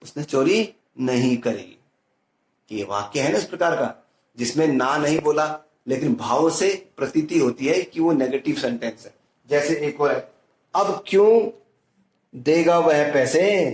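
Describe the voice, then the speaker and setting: A man's voice: medium pitch, animated, measured pace, reverberant, low-quality recording. A male teacher explaining a grammar lesson to students, acting out example sentences and often checking if they follow.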